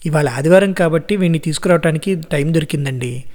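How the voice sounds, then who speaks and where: A man's voice: a little high, fast, a little mellow, natural voice. A man voicing a polite, busy young father who speaks reassuringly, in an audiobook story. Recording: long reverb.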